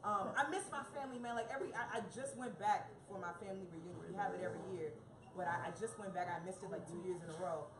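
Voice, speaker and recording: A woman's voice: on the low side, quick pace, crowd noise. A woman from Virginia doing stand-up, telling stories and bantering in a slangy, profane, conversational way. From Virginia, United States. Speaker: stand-up comedian. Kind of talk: stand-up comedy, storytelling and crowd banter. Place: indoor comedy venue with audience. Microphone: stage microphone. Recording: echoey room with audience noise.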